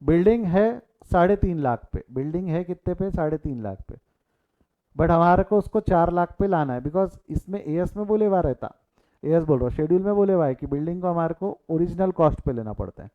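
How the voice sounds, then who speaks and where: Guy teaching accounting live online, kinda high voice, tinny phone-like sound, keeps repeating numbers. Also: animated, brisk. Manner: mixes English terms, repeats key figures, urges students to reply in chat. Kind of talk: live online class lecture.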